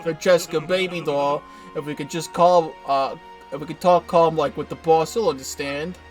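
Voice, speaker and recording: A smitten young mobster, the boss's number two, as a man puts him on, speaking softly and coaxingly in a fairly natural voice. Faint game music sits behind. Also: fairly high pitch, steady tone, normal speed, lightly acted. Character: smitten young male mob second-in-command.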